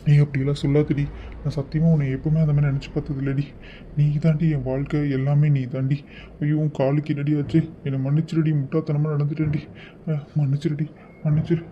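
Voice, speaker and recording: A man's voice: on the high side, flat delivery, quick pace, muffled recording, a little hiss or hum, lightly acted. A man voicing a drunk, bitter young husband. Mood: remorseful. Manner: bitter, accusing, then apologetic. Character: young husband, wounded then remorseful. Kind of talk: animated cartoon voice acting.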